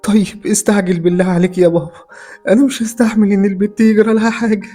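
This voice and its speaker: A high, strained, pleading mother on the edge of tears, as a male storyteller puts her on. Her voice races and wavers with fear, with a dark, breathy tone. It belongs to a spoken horror tale. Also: little pitch movement, rapid-fire, faint music behind. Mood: pleading, tearful. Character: frightened tearful middle-aged mother.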